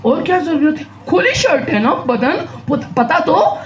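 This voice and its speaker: A woman's voice: high voice, sing-song, highs cut off, voice pushed up. A woman voicing a sly coaxing devil. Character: sly male devil coaxing slowly and patiently. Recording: echoey hall with faint noise.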